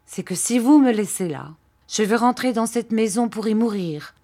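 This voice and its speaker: A woman's voice: a little high, expressive, normal speed, dark tone. A tearful, imploring aging widow, as a woman reader puts her on. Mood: pleading. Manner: imploring, emotional.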